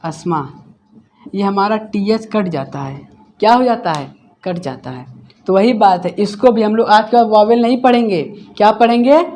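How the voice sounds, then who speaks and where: Man, grammar teacher, high-pitched voice, call-and-response lesson, slow explanations. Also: a little mellow. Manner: asks a question, then repeats the answer; explains slowly, step by step. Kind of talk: classroom lesson.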